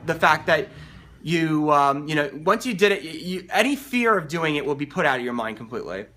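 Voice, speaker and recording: Male reviewer, bright and fairly high voice, rambling informal commentary, halting with repetitions. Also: lively intonation. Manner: rambling, halting, repeats words. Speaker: movie reviewer. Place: New York area.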